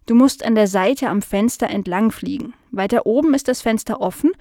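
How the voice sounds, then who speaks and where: A woman voicing an eager, easily indignant young female dog in a children's audio story, speaking high and loud. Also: moderate pace, dry recording, studio quality, close to an everyday voice. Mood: insistent.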